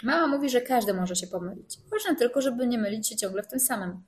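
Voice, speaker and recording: An earnest little boy from a storybook speaks in a raised, bright-pitched voice, as a woman narrator puts him on. He lectures with solemn care, pronouncing every word clearly. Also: lively intonation, fast talker, close to an everyday voice.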